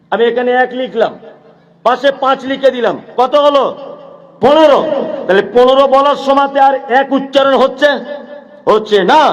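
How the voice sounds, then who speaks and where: A man's voice: very high voice, dull audio. A man preaching a sermon at a madrasa gathering, asking the audience questions and answering them himself, rising to emphatic peaks. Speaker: Islamic preacher.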